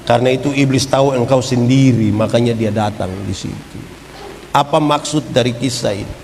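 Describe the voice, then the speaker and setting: A man's voice: medium pitch, normal speed, gravelly. A man preaching a humorous sermon as pastor, putting questions to the congregation. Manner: lively preaching, jokes, asks the congregation questions. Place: church hall. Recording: reverberant church hall, faint background noise.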